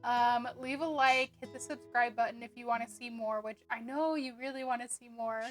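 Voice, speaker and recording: A woman's voice: fairly high pitch, steady tone, normal speed, a bit bright, soft background music. A woman narrating a casual homemaking vlog, chatty and rambling with frequent ums and little laughs. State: hiccuping. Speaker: homemaking vlogger.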